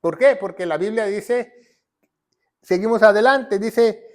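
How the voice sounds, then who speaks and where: A man preaching a teaching sermon in a notably high voice. He drives his points home by repeating phrases and keeps checking in with his listeners as he teaches from a whiteboard. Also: measured pace. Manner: emphatic, repeats key phrases, frequent "¿va?" check-ins. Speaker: pastor and Bible teacher.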